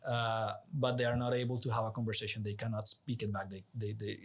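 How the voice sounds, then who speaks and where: This fast-talking man has a lowish voice and a flat delivery. A native Spanish speaker from Colombia with a Colombian accent, he is an interview guest and executive director giving an earnest, persuasive, conversational explanation.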